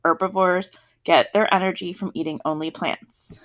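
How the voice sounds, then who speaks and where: A female teacher with a South Jersey accent gives a recorded science lesson in a lowish voice at a moderate pace, with fairly even intonation. She explains in a friendly, chatty way and corrects herself as she goes.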